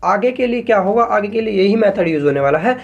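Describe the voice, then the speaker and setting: A man's voice: high-pitched, lively intonation, lo-fi sound. Patient male shorthand teacher. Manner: patient, repeats example sentences slowly; addresses viewers as friends, frequent "ठीक है". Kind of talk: casual video lesson.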